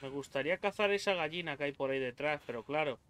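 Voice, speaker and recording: A man's voice: a little high, fast, slight background noise. A young man from Spain, doing horror game commentary, swearing and yelping when startled. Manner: jumpy, swears a lot, yells when startled. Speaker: gaming YouTuber.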